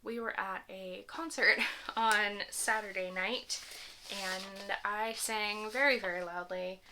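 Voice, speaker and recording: A young woman hosts a knitting podcast in a casual, rambling chat full of little laughs and self-corrections, her voice a little strained after a concert. She speaks slowly, with a medium pitch and steady tone, and there's background noise.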